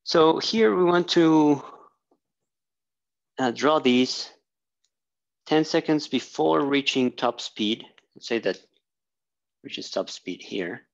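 At a whiteboard in a small room, a male physics teacher draws while thinking aloud, full of fillers and restarts. He speaks slowly and expressively in a mid-range, creaky voice, pausing often, and the audio is dull.

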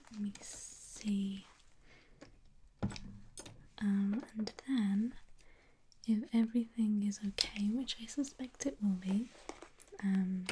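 A woman's voice: medium pitch, dark tone, slight background noise. A young woman whispering an ASMR roleplay as a reassuring pre-surgery nurse, with hesitant ums. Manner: reassuring, clinical.

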